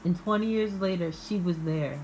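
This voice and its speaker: A woman giving an improvised, intimate tarot reading in a halting, musing manner with drawn-out pauses. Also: on the low side, darkish tone, a little hiss or hum, rough recording. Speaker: tarot reader.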